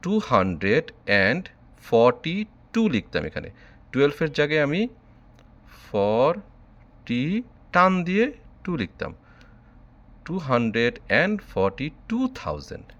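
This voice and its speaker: A man's voice: mid-range voice, very animated, normal speed, fairly bright tone, lo-fi sound. A man from Bangladesh teaching a math lesson online, patiently spelling out number words letter by letter.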